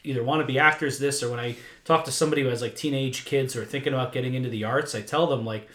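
A man's voice: mid-range voice, fairly even intonation, very fast, fairly bright tone. A man in his thirties co-hosting a podcast, chatting casually and animatedly, swearing freely and laughing often. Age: 30s. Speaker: podcast co-host. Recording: roomy echo.

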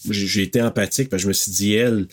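A man's voice: fairly low pitch, steady tone, rapid-fire. A man with a Quebec French accent recapping a film in casual chat, rambling with many fillers and hesitations. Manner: rambling recaps with frequent "euh" and "là".

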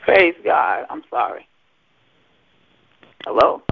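A woman's voice: takes it slowly, dry recording. Woman praying over a tinny landline. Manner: urgent, repetitive prayer phrases. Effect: heard over a landline phone. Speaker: minister leading prayer. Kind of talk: fervent spoken prayer. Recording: narrow tinny phone line.

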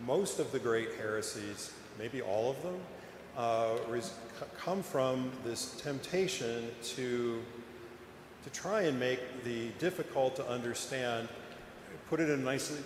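A man preaching an informal, explanatory sermon in a conversational, hesitant manner with frequent pauses, his voice echoing through the church. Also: mid-range voice. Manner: conversational, hesitant, pausing often. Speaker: preacher giving a parish sermon. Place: large echoing church interior. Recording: echoey reverberant church, noticeable background noise.

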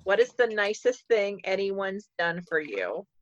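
A woman's voice: medium pitch, sing-song, unhurried, highs cut off. A woman comedian chatting playfully on a podcast and laughing often. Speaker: comedian guest. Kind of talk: casual podcast chat.

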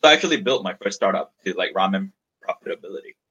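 Talking fast with lively intonation, a thirty-something founder from Malaysia recounts his story openly in an interview, rambling and repeating himself as he thinks. His voice sits low, sharp and husky, and the audio sounds dull.

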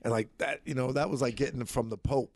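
A man's voice: mid-range voice, quick pace, breathy edge. A middle-aged man, a basketball coach, telling stories in a conversation and acting out what others said. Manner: animated storyteller who acts out quotes. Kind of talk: storytelling in a conversation.

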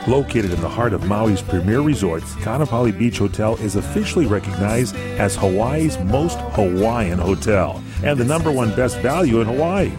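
A man's voice: lowish voice, expressive, moderate pace, few pauses. Male commercial announcer over music. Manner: polished promotional delivery. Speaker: advertisement announcer. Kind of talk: scripted hotel commercial narration.

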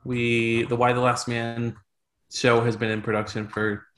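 A man hosting a loose podcast chat at an ordinary middle pitch. He talks in a relaxed way and often lets his sentences trail off into quiet mumbles. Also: measured pace. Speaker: podcast host. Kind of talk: casual chat.

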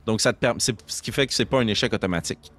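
A man's voice: lowish voice, fast talker, fairly bright tone. A young man narrating a tabletop game as game master, with vivid storytelling and sound effects.

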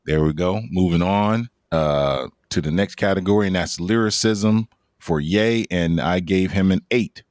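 Male podcast host, deep voice, dry sound, easygoing moderator. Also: measured pace, no room sound. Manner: laughs easily, steady moderating. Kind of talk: casual podcast discussion.

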